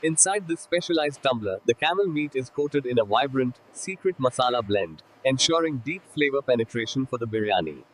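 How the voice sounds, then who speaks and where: A man's voice: mid-range voice, very animated, a little fast, hardly any pauses. A man reading scripted process narration. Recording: loud vehicle-like machine noise.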